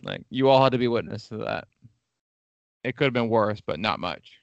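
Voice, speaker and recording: A man's voice: lowish voice, expressive, moderate pace, vocal fry, no room sound, muffled recording. Crude joking man hosting a podcast. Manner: crude, joking, swears often. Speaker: podcast host. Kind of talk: casual history podcast chat.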